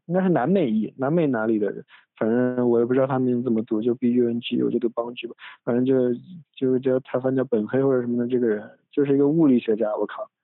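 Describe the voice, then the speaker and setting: A man hosts a casual academic podcast, rambling from point to point with many restarts. His voice sits in a middle range. The recording is a tinny phone capture with a dry sound and no room echo. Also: medium pitch. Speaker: podcast host. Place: room in a family home.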